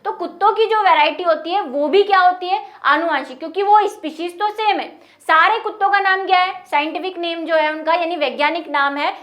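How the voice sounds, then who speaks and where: A woman's voice: sits high, fairly bright tone. A young woman teaching a biology lesson, explaining step by step and asking her students frequent rhetorical questions. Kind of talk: classroom lecture.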